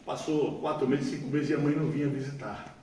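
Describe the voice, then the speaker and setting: A man's voice: mid-range voice, fairly quick, a little hiss or hum. Brazilian man, echoey far-off talk. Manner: colloquial, animated, acts out dialogue. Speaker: psychologist giving a talk. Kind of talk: informal recovery testimony talk. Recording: echoey room, far from mic.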